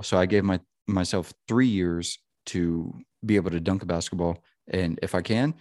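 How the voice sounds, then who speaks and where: A man's voice: low voice, darkish tone, no echo, clean studio sound. A man around thirty hosting a casual podcast chat, rambling and profane, leaning on "you know what I mean.". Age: 30s.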